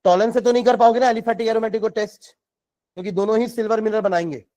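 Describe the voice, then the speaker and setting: A man teaching chemistry, dictating notes slowly word by word and asking students rhetorical questions, mixing Hindi and English. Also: high voice, steady tone, mellow. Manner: mixes Hindi and English freely. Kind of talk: classroom lecture with dictation.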